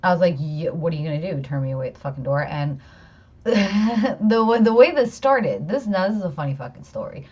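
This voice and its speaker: A woman co-hosting a casual chat, telling stories in a lively, profane way. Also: lowish voice, brisk, slightly rough. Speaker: podcast co-host. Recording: muffled lo-fi audio.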